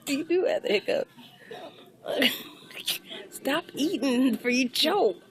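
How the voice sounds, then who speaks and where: A woman's voice: sits high, animated, takes it slowly. A woman filming a friend in a busy buffet restaurant, bossy and teasing as she scolds her to stop eating. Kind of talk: casual chat.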